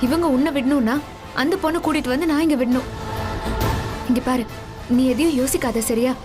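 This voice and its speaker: A woman's voice: high voice, brisk, music in the background, lightly acted. An actress playing a determined young woman who firmly reassures a frightened relative in a TV serial. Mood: resolute. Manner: firm, reassuring. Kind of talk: TV serial acting.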